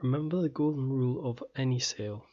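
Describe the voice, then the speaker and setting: A man teaching an online course, talking directly and practically in a relaxed way, his throat a little hoarse. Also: mid-range voice, fast, lo-fi sound. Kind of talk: casual recorded lesson.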